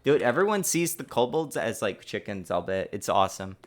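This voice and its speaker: Very animated and brisk, this man builds a game on a livestream, chatting casually while he codes. He rambles with heaps of fillers, curses at his code, and lets out confused exclamations; his voice is fairly low, with faint music in the background.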